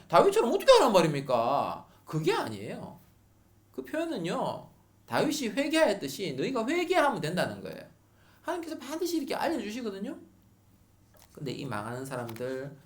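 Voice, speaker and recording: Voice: mid-range voice, creaky. A middle-aged pastor preaching a sermon at a Friday prayer meeting, repeating key words for emphasis.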